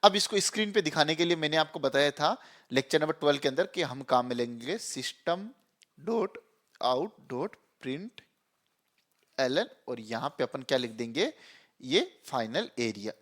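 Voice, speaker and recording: Chatty man teaching code, fairly high voice. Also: lively intonation, normal speed, a bit bright. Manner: chatty, repeats "theek hai" and "chalo"; asks and answers his own questions. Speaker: programming teacher. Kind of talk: screen-recorded coding lesson.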